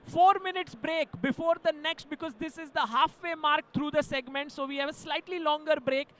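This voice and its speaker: Very high-voiced Indian male chess commentator. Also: fairly even intonation, moderate pace, fairly bright tone. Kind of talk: live sports commentary.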